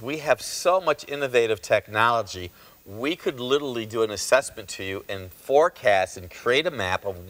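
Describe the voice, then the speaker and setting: Hosting a health talk show, this male chiropractor talks with emphasis, slowing his delivery to underline key points. He has a voice on the low side that sounds a bit bright.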